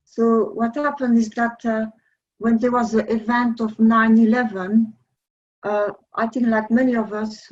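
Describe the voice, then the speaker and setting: Husky woman on dull audio. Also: fairly high pitch, a little mellow. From Belgium. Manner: polite and earnest, slightly non-native phrasing. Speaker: conference speaker. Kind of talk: presentation talk.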